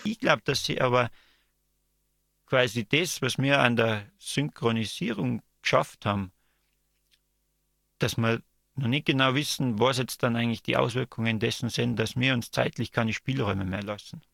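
A man answering interview questions in a thoughtful, halting way, searching for his words. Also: mid-range voice, gravelly, fairly bright tone, dry recording. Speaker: interview guest, artist. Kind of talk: reflective interview talk.

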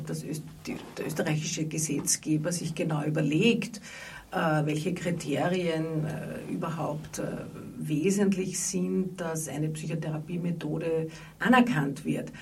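A woman's voice: lowish voice, gravelly, dark tone. A middle-aged woman psychotherapist, speaking thoughtfully and hesitantly, with many fillers, in a radio interview. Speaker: psychotherapist in private practice. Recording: distant mic with faint background noise.

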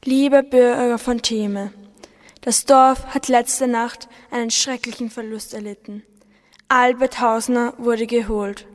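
A woman's voice: a little high, fairly even intonation, slow, long reverb tail, slight background noise. A teenage girl voicing a formal male village mayor giving a solemn speech in a school radio play. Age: teens.

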